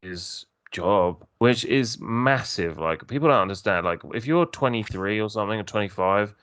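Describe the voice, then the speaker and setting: A man co-hosting a podcast, retelling stories in a relaxed way with hesitant restarts. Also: on the low side, moderate pace. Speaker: podcast co-host. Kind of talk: casual podcast discussion. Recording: dull lo-fi dry recording.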